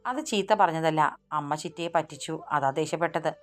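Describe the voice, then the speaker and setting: A woman's voice: low voice, fairly quick, soft background music, close to an everyday voice. A woman voicing an anxious, loving young husband who presses with urgent questions, in an audiobook story. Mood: gentle.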